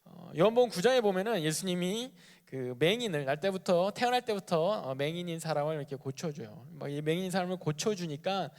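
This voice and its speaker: A man's voice: high-pitched, fairly quick, few pauses. A man giving a youth sermon in a conversational way, asking his listeners questions and acting out the people in the story. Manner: conversational preaching, asks the congregation questions; acts out quoted characters in lively bursts. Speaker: youth pastor. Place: church sanctuary. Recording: live church stream with long hall reverb.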